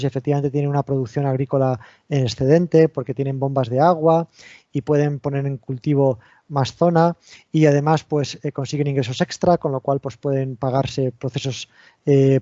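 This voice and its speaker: This invited lecturer, a man with an accent from Spain, explains things step by step in an online technical talk, often starting sentences over. He has a mellow, mid-range voice. There's no echo, but the audio sounds muffled.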